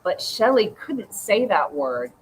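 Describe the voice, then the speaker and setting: Slow, expressive woman storyteller. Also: mid-range voice, slight background noise, low-quality recording. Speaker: reader. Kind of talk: reading a children's book aloud.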